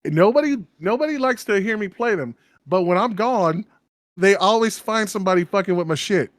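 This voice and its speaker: A man co-hosts a podcast, rambling through stories in casual chat full of fillers and swearing. His voice is high-pitched, animated and brisk. The recording is studio quality with no room sound.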